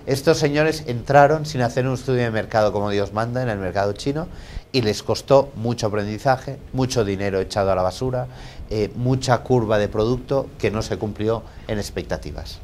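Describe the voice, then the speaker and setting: A man's voice: lowish voice, brisk, a little hiss or hum. Man lecturing, full of rhetorical questions. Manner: asks rhetorical questions, checks in with "¿de acuerdo?"; lively, shifts between loud and quiet phrases. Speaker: guest lecturer at a business talk. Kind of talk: business lecture to a small audience.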